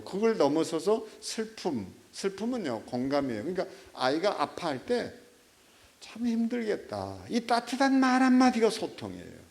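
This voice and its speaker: Lively, higher-voiced preaching man. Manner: animated storytelling, prodding listeners with rhetorical checks. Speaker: pastor. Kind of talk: sermon.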